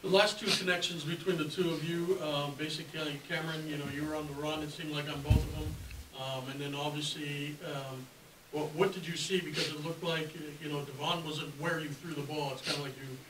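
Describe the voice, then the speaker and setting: A man, a sports reporter, putting halting questions at a press conference, full of hesitant fillers. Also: fairly high pitch, fairly even intonation, distant mic. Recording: noisy and roomy, from off-mic.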